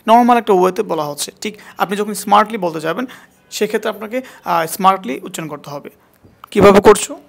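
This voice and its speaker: Gravelly-voiced male English teacher drilling words. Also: sits high, fast talker. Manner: repeats words drilling pronunciation, asks questions. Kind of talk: spoken English pronunciation lesson.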